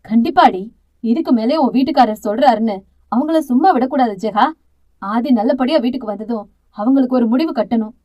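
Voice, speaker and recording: A woman's voice: fairly high pitch, brisk, mellow, natural voice. A woman voicing a fierce, domineering middle-aged aunt who scolds with harsh contempt, in an audio novel. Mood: firm reassuring.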